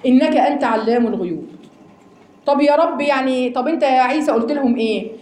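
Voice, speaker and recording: An Egyptian woman teaching a religious lesson to a class of women, animated and asking them rhetorical questions. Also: high voice, quick pace, roomy sound. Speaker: Quran teacher.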